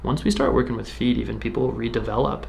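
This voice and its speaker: A chiropractor explains treatment to a patient while he works, sounding reassuring and conversational. His medium-pitched, slightly mellow voice is fast with fairly even intonation, and clear background noise from the indoor treatment room can be heard.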